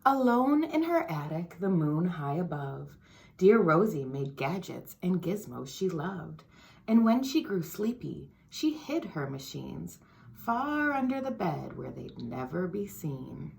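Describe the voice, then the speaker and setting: A woman, a school board member, reading a children's picture book aloud in an expressive, sing-song storytelling manner, sometimes dropping to a whisper. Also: fairly low pitch, takes it slowly, vocal fry.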